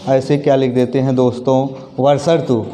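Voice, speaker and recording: A man's voice: medium pitch, flat delivery, normal speed, mellow. A male teacher, leading a classroom grammar lesson, asking questions, then repeating the answers aloud. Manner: calls students friends and sister, asks and repeats answers.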